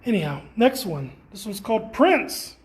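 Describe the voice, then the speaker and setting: Man, high pitch, relaxed rambling tour guide, exhibit walkthrough. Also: moderate pace. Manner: relaxed, rambling, many fillers. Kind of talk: casual guided gallery tour. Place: indoor art exhibit.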